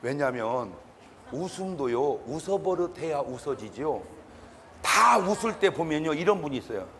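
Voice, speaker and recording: A man, a pastor, giving a humorous public lecture in an animated, joking way, sometimes bursting into shouts. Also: on the high side, normal speed, background noise.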